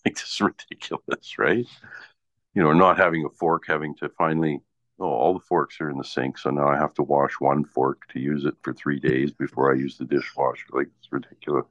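In a dull, lo-fi recording made in an echoey room, a man who runs a small business and sells online chats casually, grumbling and swearing bluntly. He has a very deep, steady voice with a fairly bright tone and talks a little fast.

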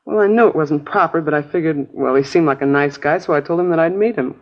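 This 1950s radio crime drama features an actress with a low voice and quick pace, cast as a crook's girlfriend: an American who is chatty, naive, easygoing and working-class. She comes across as casual, rambling and somewhat vague, heard through a dull old broadcast recording.

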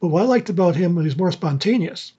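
A man with a husky, somewhat high, mellow voice hosts informal commentary. He talks in halting phrases, and the sound is slightly muffled. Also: animated. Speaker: old-time radio program host. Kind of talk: informal commentary introducing vintage shows.

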